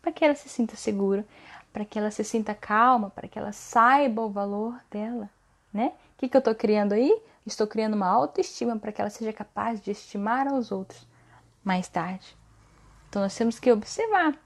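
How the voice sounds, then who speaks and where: A woman's voice: mid-range voice, normal speed. A woman, a mother hosting a casual live stream, coaching other mothers earnestly and often ending phrases with a questioning "tá?". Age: adult mother.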